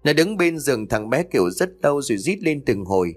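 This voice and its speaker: Grieving village mother, high strained pleading voice, tearful and breaking, voiced by a male narrator. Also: very animated, a little fast, slightly rough, faint music behind. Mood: shaken.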